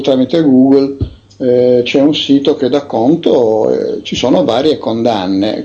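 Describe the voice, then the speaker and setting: A man's voice: mid-range voice, creaky, darkish tone, highs cut off. A man, an investigative author, recounting his experiences with indignant emphasis and frequent hesitations.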